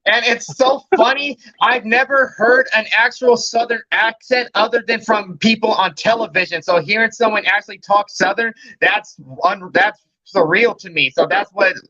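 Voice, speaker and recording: High, bright-voiced young-sounding man. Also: fairly even intonation, no echo, highs cut off. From Bay Area, California. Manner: halting, repeats words, laughs easily. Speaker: co-host. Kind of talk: casual chat.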